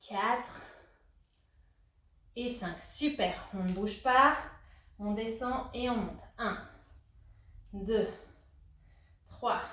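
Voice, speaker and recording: A woman's voice: mid-range voice, a bit bright. A young woman coaching a postpartum workout class, cheering and counting reps as she moves through the exercises. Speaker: fitness coach. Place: room at home, moving around away from the camera. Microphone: camera at a distance. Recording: roomy echo, voice from a distance.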